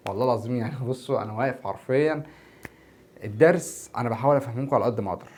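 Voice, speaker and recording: A worn-out Egyptian man teaching a geography lesson at a rapid clip. He repeats each key term several times and quizzes himself aloud before giving the answer. His voice has a middling pitch. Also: a little mellow. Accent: Egyptian Arabic. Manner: repeats key terms, asks and answers his own questions. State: tired, filming at four in the morning. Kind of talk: exam-prep geography lesson. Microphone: standing before a camera.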